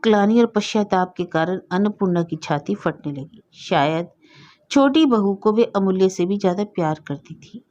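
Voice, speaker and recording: A woman storyteller reading a story aloud in a steady, scripted narration. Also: lowish voice, highs cut off.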